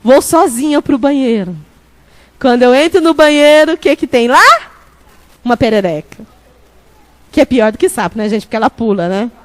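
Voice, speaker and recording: A woman bishop preaching a sermon, telling a personal story with lively animation and calling out to the congregation. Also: on the high side, moderate pace, pauses often. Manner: animated storytelling, shouting at peaks; lively, laughing, addresses crowd as "gente".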